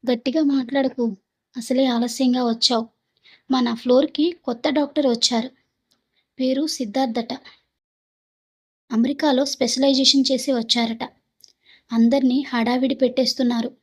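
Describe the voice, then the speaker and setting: A woman voicing a gossipy, nervous young junior doctor who talks in a hushed, urgent way in a storybook reading. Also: high voice, steady tone, moderate pace, long pauses.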